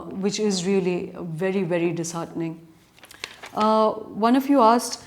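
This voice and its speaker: A woman of medium pitch and a slightly mellow quality gives spoken editorial commentary, replying to reader questions. She's a journalist with an educated urban Indian accent, earnest and argumentative, favoring long, carefully weighed sentences.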